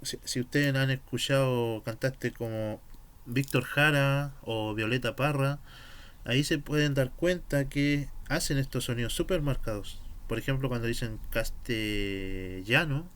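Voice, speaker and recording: Guy teaching a language class, slow and patient, stretches words out for practice. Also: mid-range voice, a bit bright, clean tone. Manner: slow, patient explanations with drawn-out pronunciation drills.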